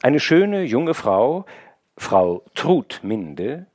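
A man reading a classic novel aloud as an audiobook narrator, in a measured, expressive storytelling manner. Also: dry recording, studio quality. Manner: measured, expressive storytelling with wide pitch movement. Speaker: audiobook reader. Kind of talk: scripted literary narration.

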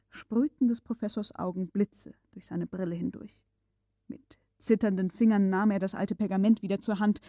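A woman narrating an audiobook in a calm, measured storytelling voice, recorded close on a studio microphone. Her pitch sits in a middle register, and the sound is dry with no room echo. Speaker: audiobook reader. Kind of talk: scripted narration of a classic novel.

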